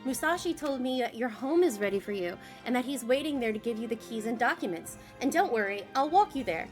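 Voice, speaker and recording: A woman's voice: fairly high pitch, lively intonation, brisk, soft background music, natural voice. A woman voicing a cheerful, welcoming woman mayor in a game, polite and a little flustered. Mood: friendly.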